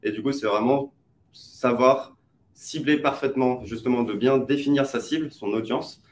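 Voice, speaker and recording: An advertising expert from France explains online advertising in a webinar. His voice is medium-pitched at a moderate pace, and he sounds hesitant, with many fillers and restarts.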